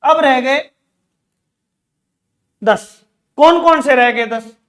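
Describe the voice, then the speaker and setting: A man's voice: very high voice, drawn-out words, a bit bright. A man teaching an exam-prep grammar lesson, asking questions and answering them himself, repeating key words. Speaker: Hindi teacher.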